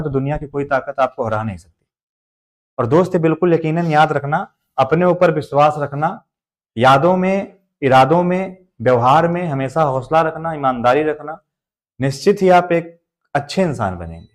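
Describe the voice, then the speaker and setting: A man with an Indian accent teaching English grammar in a live online class, joking through memory tricks and reading out viewers' names. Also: on the high side. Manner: jokey mnemonic explanations, reads out viewer names; motivational.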